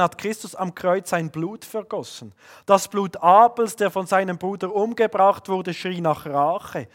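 A man who has children of his own, preaching a sermon and swinging between loud emphatic bursts and hushed, slowed-down lines. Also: sits high. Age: adult, father of young children.

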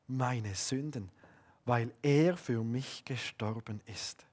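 A male preacher delivers his sermon in a voice pitched a little above the usual for a man. He pushes some lines out loud and fast, then pulls others down to a near hush and slows right down on them. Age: adult, father of young children. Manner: swings between loud emphasis and hushed, slow lines.

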